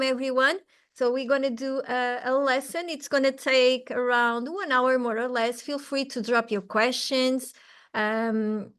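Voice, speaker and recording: A Portuguese woman in her forties teaches an online language lesson in English with a Portuguese accent. Her voice is a little high and fairly bright, and she's chatty and bubbly, laughing frequently.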